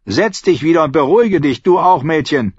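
Guy doing firm motherly innkeeper lady, high husky voice, dry dull audiobook sound. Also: fairly quick, no room sound. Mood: soothing, firm.

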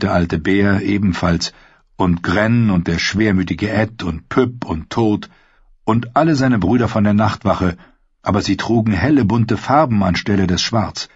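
A man reading scripted narration for an audiobook in a steady, measured way. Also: lowish voice, breathy edge, dry recording. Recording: slightly dull dry studio recording.

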